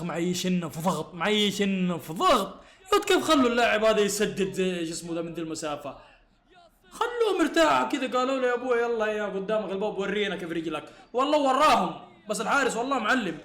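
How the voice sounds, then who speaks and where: A man, reacting live to a football match, excitable and exasperated, often laughing. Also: sits high, racing, reverberant.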